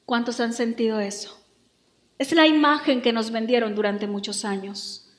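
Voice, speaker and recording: A woman pastor preaching a lively, humorous sermon. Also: on the high side, normal speed, reverberant. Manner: lively, humorous, acts out quotes.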